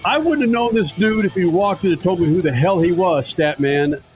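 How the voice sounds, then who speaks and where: A man hosting a motorsports radio show, brash and animated, talking. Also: sits high, moderate pace, lo-fi sound, soft background music. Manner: brash, animated, swearing casually.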